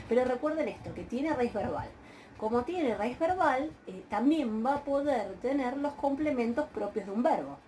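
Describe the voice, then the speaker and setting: Argentine woman lecturer, mid-pitched, patient and hesitant, faint hiss behind. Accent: Argentine Spanish. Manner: patient, explanatory, frequent hesitations and checking questions. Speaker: university Greek teacher. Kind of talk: recorded online lecture.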